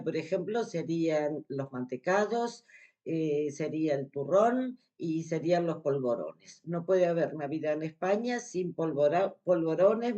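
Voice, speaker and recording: A woman's voice: low voice, warm tone, muffled recording. Argentine lady vlogging, casual chatty explaining, lots of ehs and restarts. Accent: Argentine Spanish. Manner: chatty, explains step by step with many fillers and restarts. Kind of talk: casual vlog chat.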